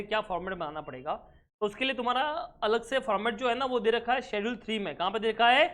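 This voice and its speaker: A man teaching accounting in a recorded exam-prep lecture, who keeps asking his class quick check questions and mixes English terms into his explanation. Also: high-pitched, a bit bright.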